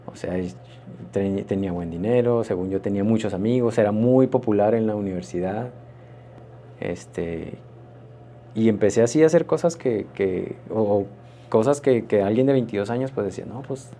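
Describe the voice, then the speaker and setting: A pastor, telling his personal testimony in an interview in an earnest, reflective, halting way. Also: fairly low pitch, dark tone, slight background noise.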